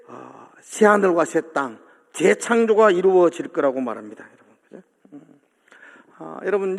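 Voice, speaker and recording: A man's voice: high-pitched, a little mellow. A male pastor preaching a sermon in a church, earnest and emphatic, often asking his congregation for agreement. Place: church sanctuary. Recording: long hall reverb.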